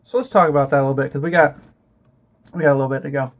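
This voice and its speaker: Talking very fast in a steady, mid-range voice, a young man from Florida rambles through a casual vlog chat. He swears a lot and leans on fillers and restarts, all captured in a dull, lo-fi home recording.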